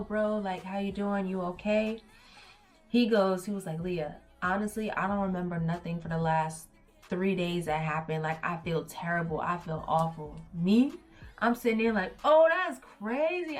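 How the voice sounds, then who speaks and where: A young woman vlogger telling a casual storytime, animated and slangy, acting out the voices of people she quotes. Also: lowish voice.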